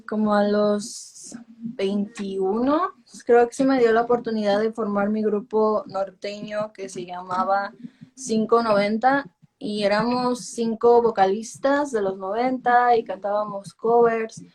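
A woman in her twenties, an urban music singer, chats casually in an interview in Spanglish, sprinkling English filler words into her Spanish. Her medium-pitched voice stays fairly even and slow, and the recording is rough.

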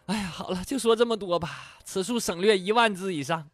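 Male comedy host, high and lively, wisecracking delivery, dry close sound. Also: fairly quick, dry recording, soft background music. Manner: wisecracking, teasing asides. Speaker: joke-reading show host. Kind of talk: comic reading of listener jokes.

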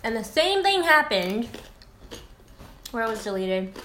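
Young woman, podcast co-host, relaxed casual chatter, faint noise behind. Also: a little high, a little slow. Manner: relaxed, chatty, laughs often.

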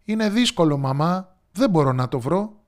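A man voicing a small, restless boy in a children's storybook, speaking high and eager. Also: close to an everyday voice. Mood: excited. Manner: bright, eager, excited shouting. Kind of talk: storybook character voice.

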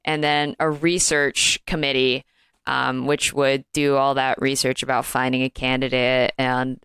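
A woman's voice: rumbling low, flat delivery, measured pace, fairly bright tone, smooth, no room sound. A woman co-hosting a casual podcast chat, wry and offhand, often laughing between points. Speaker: podcast co-host.

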